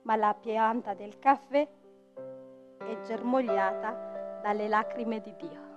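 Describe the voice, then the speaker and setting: A woman's voice: fairly high pitch, slow pace. A woman storyteller and writer on a theatre stage, reading a tale expressively and speaking directly to the audience. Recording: dull lo-fi stage recording with faint music.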